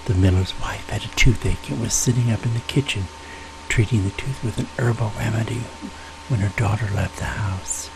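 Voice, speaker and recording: A soft-spoken, folksy man telling ghost stories in an unhurried ASMR style, sometimes dropping into a whisper. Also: lowish voice, noisy background. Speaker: storyteller, ASMR host.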